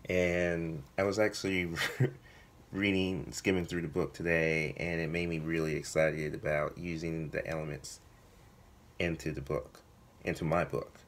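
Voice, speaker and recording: A man with a hoarse voice that is giving out, talking casually to viewers as a vlogger, halting and correcting himself as he thinks aloud. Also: deep voice, little pitch movement, slight background noise. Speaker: video blogger, writer. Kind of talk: casual vlog talk to viewers.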